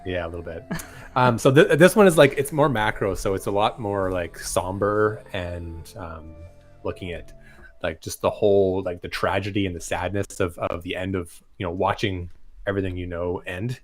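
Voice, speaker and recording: A man's voice: low-pitched, moderate pace, faint music behind. A man co-hosting a podcast, chatting casually and animatedly, laughing easily and hesitating with fillers. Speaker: podcast co-host. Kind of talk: casual chat on a live stream.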